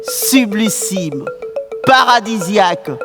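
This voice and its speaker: Male storyteller, stage show, lyrical, sing-song, high voice, music behind. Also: lively intonation, takes it slowly. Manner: lyrical, half-sung, dramatic. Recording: background music.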